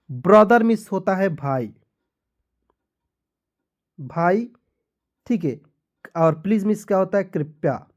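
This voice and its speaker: In a high-pitched, darkish voice, a man teaches English to beginners, explaining patiently and repetitively. He asks his own questions, supplies the answers, and spells each word letter by letter.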